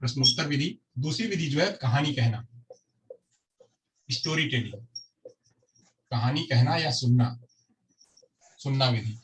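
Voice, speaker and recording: A man's voice: medium pitch, animated, measured pace, pauses often, slight background noise. A man teaching a lecture class who keeps repeating key terms and asks and answers his own questions. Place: classroom with a board.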